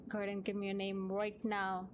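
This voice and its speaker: A woman's voice: mid-range voice, monotone, brisk, a little hiss or hum. Polite, teasing woman playing a shopkeeper. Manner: polite yet teasing, calls others sir. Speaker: shop worker in a roleplay game. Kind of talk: casual in-character roleplay chat.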